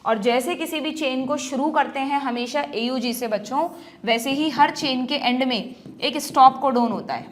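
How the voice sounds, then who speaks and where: A woman's voice: high voice, moderate pace, a little hiss or hum. A woman biology teacher giving an exam-prep lecture, explaining step by step, calling her students children and often checking that they follow. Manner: addresses students as children, mixes English terms into Hindi.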